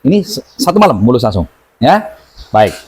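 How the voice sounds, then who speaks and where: A man teaching an audience as a healing therapy instructor, telling stories lively and acting out the voices of the people in them. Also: mid-range voice, moderate pace, slight background noise, rough recording. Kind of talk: seminar talk to an audience.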